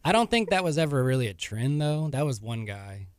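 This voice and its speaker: A man, a modest and soft-spoken author guest on a radio interview. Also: medium pitch, sing-song, fairly quick, smooth. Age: 30s. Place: radio studio.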